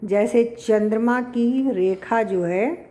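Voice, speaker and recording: Mellow-voiced woman explaining verse. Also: a little high, slow. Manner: reads each verse, then paraphrases it in plain speech. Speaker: Hindi literature teacher. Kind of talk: line-by-line explanation of a classical poem.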